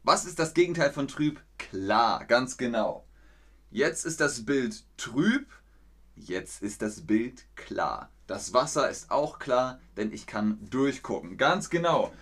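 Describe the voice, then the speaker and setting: A man teaching a language lesson on a livestream, with a mid-range voice. He speaks slowly and deliberately and lays out each point with care. Now and then his pitch jumps up high in bursts of excitement. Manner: slow, clear explanations with sudden high excited jumps. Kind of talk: live-streamed language lesson.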